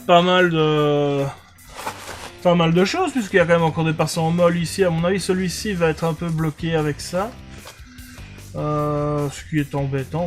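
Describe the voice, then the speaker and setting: Hesitant man reviewing gear. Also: on the high side. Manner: hesitant, many fillers and restarts. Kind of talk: casual product review.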